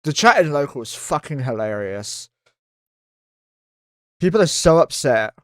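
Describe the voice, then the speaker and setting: Male streamer, fairly high voice. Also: very animated, a little slow, fairly bright tone, dry recording, studio quality. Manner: casual, thinking aloud, swears freely. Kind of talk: live game commentary.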